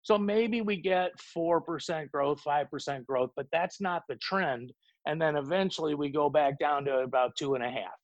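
Male interview guest, fairly high voice, plain-spoken conversational forecaster, very dry recording. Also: normal speed, dry recording, muffled recording. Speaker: podcast guest, economic forecaster.

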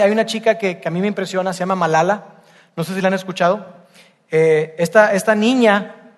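A man preaching a sermon as pastor, earnest and conversational, repeating phrases for emphasis. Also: high voice. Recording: long reverb of a large hall.

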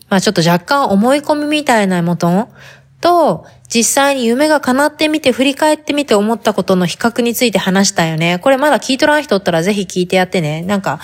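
A woman hosting a podcast in a chatty, casual monologue with a Hakata dialect, talking straight to the listener. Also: mid-range voice. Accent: Hakata dialect Japanese. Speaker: podcast host.

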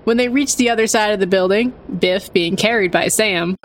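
A woman's voice: mid-range voice, normal speed. A woman reading a comic story aloud as its dramatic narrator.

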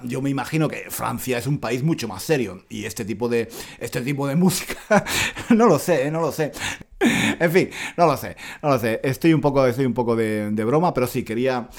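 A middle-aged man from Spain hosting a casual podcast lesson, explaining words slowly and repeating them for learners, often breaking into laughter. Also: mid-range voice, animated. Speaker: Spanish teacher podcast host.

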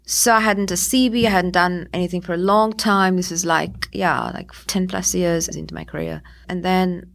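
A woman's voice: lowish voice, fairly even intonation, moderate pace, gravelly, a bit bright. A woman in her forties, originally from Sri Lanka, telling her career story as an interview guest in a chatty way with many fillers. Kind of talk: conversational interview.

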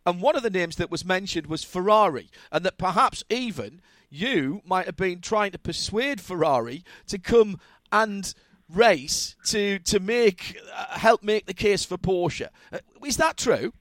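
A man's voice: high-pitched, expressive, measured pace, fairly bright tone, no echo. A man hosting a motorsport interview, asking long questions in an enthusiastic, conversational way. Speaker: podcast host interviewer.

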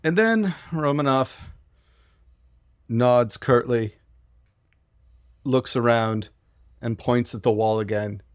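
A man playing a tabletop game, describing his character's actions in a slow, deliberate way. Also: mid-range voice, smooth, dry recording, studio quality. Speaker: player.

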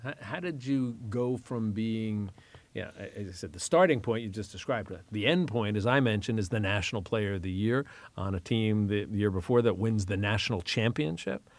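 A man's voice: lowish voice, no room sound. A man interviewing a guest, asking questions and answering with short agreements. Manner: engaged listener, quick laughs and short replies.

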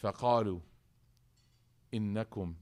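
A man in his thirties giving a lively religious lesson, acting out quoted voices and reciting verses quickly. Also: lowish voice, smooth. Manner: lively storytelling, acts out quoted voices, swings from loud to soft. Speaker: Islamic teacher. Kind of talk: animated sermon talk.

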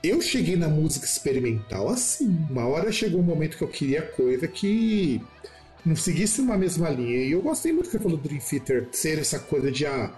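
A man's voice: fairly high pitch, sing-song, brisk, a little mellow, soft background music. A man hosting a casual interview, talking in a conversational, enthusiastic way.

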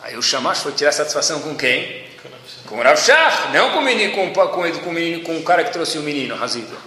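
A man's voice: a little high, very animated, fast, pushed and bright. A man teaches Torah to a group, often calling out to his listeners and asking them questions. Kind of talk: religious lecture to a group. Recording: echoey hall with faint ambience.

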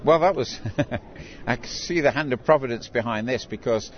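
A man's voice: medium pitch, normal speed. An older man who works as a town crier, telling stories conversationally in an interview. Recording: dull recording with clear background noise.

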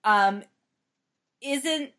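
Spanish-native woman going over french phrases, highish voice, chatty, lots of little checking questions. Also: very slow, pushed and bright. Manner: checks understanding with frequent short questions. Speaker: lesson host and French learner. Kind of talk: conversational language lesson.

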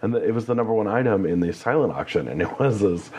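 A man's voice: on the low side, expressive, quick pace, a little mellow, slightly rough. A man chatting casually as a guest about a stage show, rambling with fillers and frequent laughs. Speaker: guest, community theater actor. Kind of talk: casual chat.

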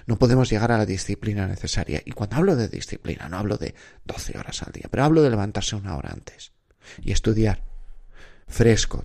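A man's voice: on the low side, vocal fry, a little mellow. A man hosting an unscripted podcast, giving direct, exhorting advice to exam candidates and asking rhetorical questions. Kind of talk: unscripted motivational podcast talk.

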